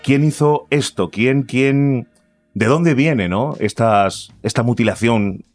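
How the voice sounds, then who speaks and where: A man hosting a podcast, jokey and quick to laugh, stumbling and repeating words when the topic turns serious. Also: medium pitch, faint music behind. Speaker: podcast host. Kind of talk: casual chat.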